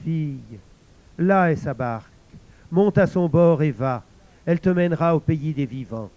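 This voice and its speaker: A man's voice: on the high side, animated, unhurried, no echo, highs cut off. A man voicing a weeping, hunched old woman in a fairy tale, tearful and lamenting.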